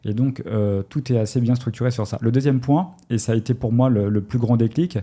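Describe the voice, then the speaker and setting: A man from France with a very dark, mellow voice at an everyday pitch. He speaks as an interview guest, thinking out loud with frequent fillers and restarts. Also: a little fast. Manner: hesitant, many fillers and restarts. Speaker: guest entrepreneur. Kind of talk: casual interview talk.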